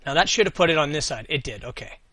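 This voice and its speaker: A man's voice: on the high side, expressive, quick pace, pushed and bright. A man giving casual gameplay commentary as host, thinking aloud and answering his own questions as he goes. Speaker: gaming video host.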